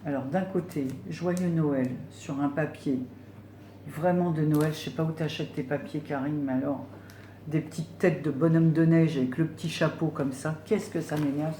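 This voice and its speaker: Woman, delighted unboxing chat, mellow voice, faint background hum. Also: low voice, steady tone, measured pace. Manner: effusive, exclaiming with delight, many fillers. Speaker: vlogger unboxing gifts. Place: home room. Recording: roomy home recording.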